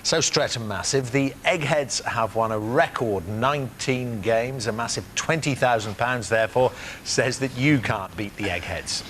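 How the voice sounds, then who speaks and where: Brisk male quiz show host. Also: medium pitch, fairly bright tone, a little hiss or hum. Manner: brisk, upbeat, with frequent "uh" fillers. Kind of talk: television quiz hosting. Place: television studio.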